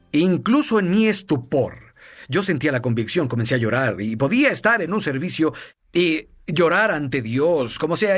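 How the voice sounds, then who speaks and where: Earnest man telling a testimony. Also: medium pitch. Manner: storytelling, earnest, laughs while telling. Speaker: evangelist guest. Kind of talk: testimony in a TV interview.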